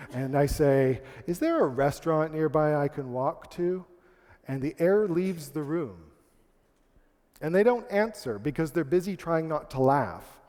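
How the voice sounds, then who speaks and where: A man's voice: mid-range voice, a little mellow. A man from Canada telling a comic, self-deprecating story on stage as a speaker. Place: large hall, on stage. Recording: long hall reverb.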